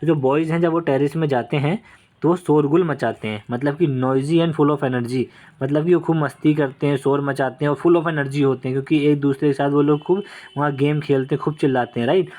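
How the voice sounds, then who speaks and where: Man, young adult, fairly high pitch, vocabulary teacher, repeats himself, keeps saying okay. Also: steady tone, fairly quick, dark tone. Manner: repetitive, checks in with "okay" and "right". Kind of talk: exam coaching lesson.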